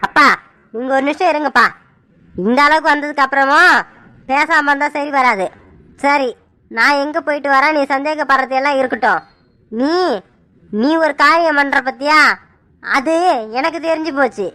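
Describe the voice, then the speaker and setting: A woman voicing a defensive, quick-tempered village husband in a cartoon. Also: high-pitched, pushed and bright, no echo. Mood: scolding. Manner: defensive, scolding. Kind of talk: cartoon voice acting.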